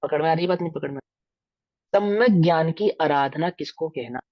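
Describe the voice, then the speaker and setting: A man's voice: on the high side, normal speed, dry recording. Brief: male scripture teacher, Hindi accent, asks and answers his own questions, dry lo-fi sound. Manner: explanatory, asks the listeners questions and answers them. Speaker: religious teacher. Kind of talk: scriptural lecture to a class. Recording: dull dry lo-fi recording.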